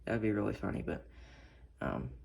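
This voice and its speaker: A fairly low, gravelly, darkish voice with a sing-song lilt belongs to a radio collector showing off his pieces. His relaxed show-and-tell is halting and wandering, with many self-corrections, recorded amid room noise and clicks.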